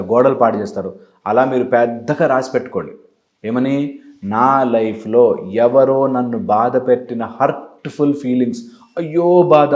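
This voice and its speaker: A man's voice: mid-range voice, a little mellow. Male life coach with a Telugu accent, mid-range voice, emphatic motivational delivery. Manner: emphatic, mixes English phrases into Telugu. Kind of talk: motivational talk.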